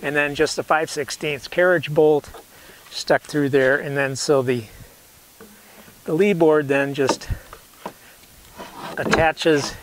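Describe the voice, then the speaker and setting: A man's voice: fairly high pitch, steady tone, slow, pauses often, a little hiss or hum, low-quality recording. A man in his sixties giving a casual, rambling, self-correcting how-to demonstration outdoors on a lawn, recorded on a camera mic. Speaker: canoe builder showing his rig. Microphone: camera mic, sometimes far from camera.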